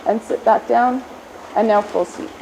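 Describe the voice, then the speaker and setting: A woman riding instructor with a high voice gives brisk, projected commands in a live lesson. She is directive and corrective, explaining briefly as she goes, over clearly noisy ambience. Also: steady tone, a little mellow.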